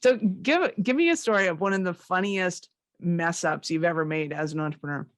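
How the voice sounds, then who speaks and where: A woman's voice: lowish voice, a little fast, no echo, studio quality. A woman hosting a casual interview podcast in an informal, upbeat, encouraging manner. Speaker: podcast host.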